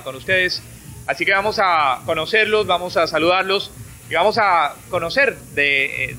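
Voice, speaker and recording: A man's voice: on the high side, pushed and bright. A man in his thirties interviewing a band with a handheld mic in a small club room, upbeat and friendly. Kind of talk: music TV interview. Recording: music playing behind.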